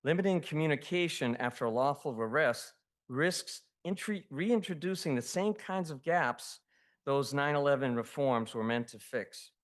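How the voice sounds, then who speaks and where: A man giving public comment at a city council meeting, reading a prepared statement in a steady, formal way. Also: a little high, moderate pace.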